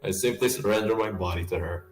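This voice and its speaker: A man's voice: lowish voice, fast talker, echoey room, loud music behind the voice. A man reading a game's text aloud during a let's-play, breaking off into crude jokes and laughter. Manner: reads the subtitles aloud, then breaks off into crude joking and laughter.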